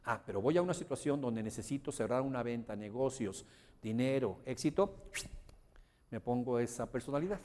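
A man's voice: mid-range voice, expressive, moderate pace, dark tone. Man teaching a motivational seminar. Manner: emphatic, checks understanding with rhetorical questions. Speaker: motivational course instructor. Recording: long hall reverb.

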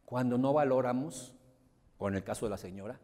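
A man speaks to a roomful of people in a motivational seminar, moving between lively stories and points for the audience. His voice sits in a middle range. A long reverb follows each phrase, as in a large hall. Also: mid-range voice, brisk. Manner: animated storyteller who acts out quoted voices. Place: large room before an audience.

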